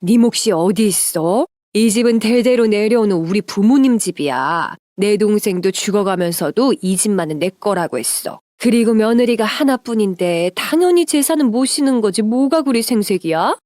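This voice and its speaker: A woman voicing a bossy older aunt who shouts and scolds in a harsh, contemptuous way. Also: mid-range voice, expressive, normal speed, few pauses, no echo, clean studio sound, lightly acted. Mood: shouting scornfully.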